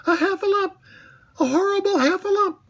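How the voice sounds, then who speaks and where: An older man voicing a tiny, timid young male piglet who squeaks and stammers breathlessly. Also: moderate pace, fairly bright tone. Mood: panicked. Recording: dull lo-fi recording.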